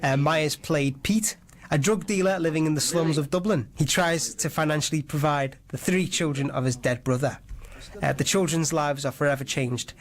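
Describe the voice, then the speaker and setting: A man's voice: fairly high pitch, moderate pace. A man hosting an online radio show, chatting casually and enthusiastically about films with jokey asides. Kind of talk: casual movie trivia chat.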